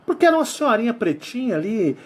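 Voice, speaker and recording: A man's voice: very high-pitched, big pitch swings, fast talker, breathy edge. A Brazilian man hosting a channel, telling a story in a casual, rambling way and ending nearly every phrase with a tag question. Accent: Brazilian Portuguese. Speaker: channel host.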